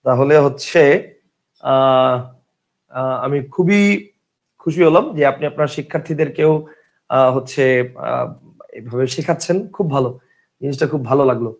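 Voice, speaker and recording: Speaking at a medium pitch and moderate pace with long pauses, a man runs an online grammar lesson. He asks his questions more than once, repeatedly checks that students are following, and answers viewer comments after reading them aloud.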